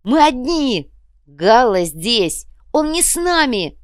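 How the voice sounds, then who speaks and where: A panicked knight, as a woman reader puts him on, yelling high and loud in an audiobook. His voice shoots up and strains with alarm. The sound is close and dry. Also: big pitch swings, takes it slowly, no echo. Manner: frantic shouting. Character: panicked male knight, shouting in despair.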